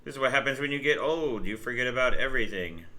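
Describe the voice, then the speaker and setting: Fast and animated, a man with a mid-range, bright, forceful voice runs a relaxed live stream from New Jersey. He says hello to viewers and talks through overclocking settings while he works.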